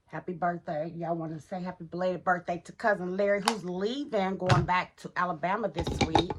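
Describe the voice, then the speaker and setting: Against a noisy background, a middle-aged woman with a fairly low voice talks to "y'all" in a groggy morning tone while getting ready. Her casual get-ready-with-me vlog is chatty throughout.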